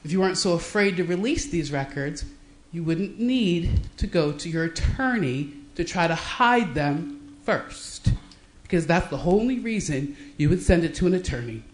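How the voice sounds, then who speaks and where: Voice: medium pitch, a little hiss or hum. A resident making pointed, confrontational public comment to a city commission. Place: council chamber. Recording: echoey meeting room.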